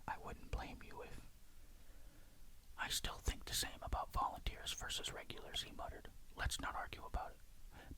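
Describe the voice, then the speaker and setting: A storyteller reading a ghost story in a breathy, hushed, suspenseful whisper, in ASMR style. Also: rough recording.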